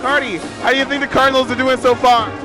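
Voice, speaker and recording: High-voiced man hyping up a game crowd. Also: fast, low-quality recording. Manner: energetic, playful, whooping. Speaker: student reporter. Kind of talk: live vox-pop interviews. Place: basketball game arena. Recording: loud arena with music and crowd.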